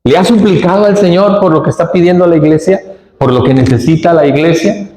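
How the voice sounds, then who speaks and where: Northern Mexican pastor preaching in an echoey church. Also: male voice, fairly high pitch, brisk, mellow. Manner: dramatizes scenes, acting out the characters' lines; asks the congregation frequent rhetorical questions. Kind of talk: sermon. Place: church sanctuary.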